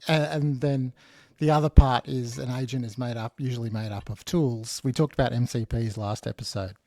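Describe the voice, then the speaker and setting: A man's voice: mid-range voice, fairly even intonation, moderate pace, darkish tone, no room sound. A man co-hosting a podcast, explaining technical ideas casually and step by step, thinking aloud. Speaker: podcast co-host.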